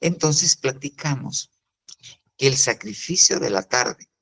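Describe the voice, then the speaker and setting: Older male Bible teacher, husky voice, unhurried live-stream class delivery. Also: medium pitch, expressive, sharp tone, poor audio. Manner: explains slowly, pauses with "entonces" and "fíjese bien". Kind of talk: virtual discipleship class.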